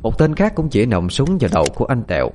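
A man telling a dramatic ghost story in an expressive storytelling manner. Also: medium pitch, fast, slight background noise.

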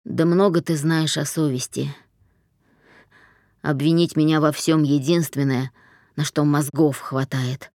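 A woman's voice: steady tone, measured pace, long pauses, a little mellow, no echo, studio quality. A woman voicing an irritable middle-aged father who talks down to his daughter, in an audiobook. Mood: contemptuous. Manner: low, contemptuous, curt.

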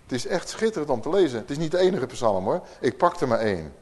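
A man teaching the Bible to a live audience, lively, asking the room questions and reading verses aloud with emphasis. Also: mid-range voice, fast talker. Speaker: preacher.

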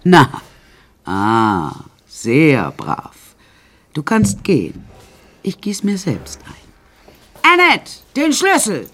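In a radio drama, an actress voices an older, confined woman, sardonic and imperious, who narrates her macabre life in a wry, drawn-out, confiding way. It's a full character voice: low, fairly bright, with pitch swooping wildly.

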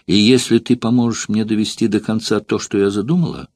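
A man voicing a hushed, jealous Greek courtesan. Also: on the low side, steady tone, a little fast, dry recording, studio quality. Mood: grim. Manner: hushed, pleading and intense. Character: passionate young Greek courtesan woman, coaxing and jealous. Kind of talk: audiobook character voicing.

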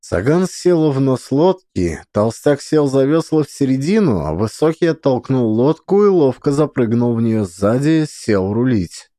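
A man reads a story aloud in a dramatic, expressive way. His pitch moves a lot. The recording is dry and close. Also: moderate pace, hardly any pauses, dry recording. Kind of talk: storybook narration.

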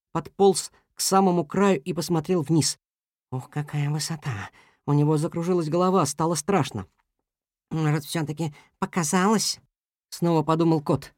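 A narrator reading a children's story aloud in an even, gentle manner. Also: medium pitch, dry recording, clean studio sound.

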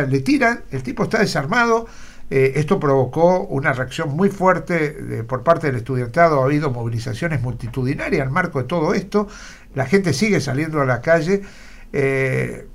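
A man delivers earnest news commentary on the radio, in a voice pitched a little high for a man. He leans on the filler "eh" between phrases, then presses forward in emphatic bursts. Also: fairly bright tone.

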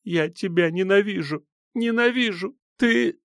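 Man voicing a shrill furious young noblewoman. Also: very slow, dry recording, clean studio sound. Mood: furious, sobbing. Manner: shrill, hissing outbursts. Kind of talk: audiobook character voice.

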